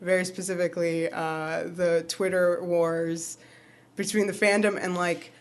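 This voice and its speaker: A woman co-hosting a casual fan podcast, talking in an animated way with quick asides and frequent laughs. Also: on the low side, clean tone. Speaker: podcast co-host.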